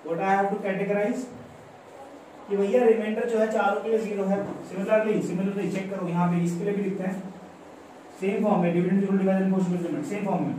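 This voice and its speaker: High-voiced Indian man teaching maths in an echoey room. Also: dark tone. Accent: Indian English mixed into Hindi. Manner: explains step by step, repeats phrases, coaxes students with questions. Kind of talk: blackboard maths lesson. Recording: very echoey room, mic far off, faint background noise.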